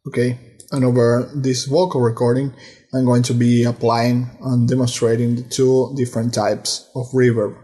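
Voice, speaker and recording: Student voice-over: man, slow careful explainer, monotone delivery. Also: mid-range voice. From Brazil, raised in Argentina. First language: Portuguese and Spanish. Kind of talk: recorded lesson voice-over.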